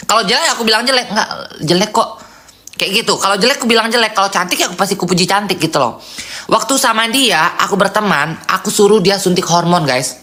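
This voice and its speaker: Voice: medium pitch, quick pace, sharp tone. A live streamer talking bluntly and gossiping in a chatty way, sometimes acting out quoted lines in a raised voice. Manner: blunt, outspoken, chatty storytelling.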